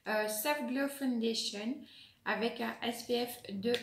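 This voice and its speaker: A woman's voice: a little high, takes it slowly, slight background noise. A French-accented woman reviewing beauty products in a casual vlog, hesitant, with many fillers and self-corrections. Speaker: beauty vlogger. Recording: echoey room.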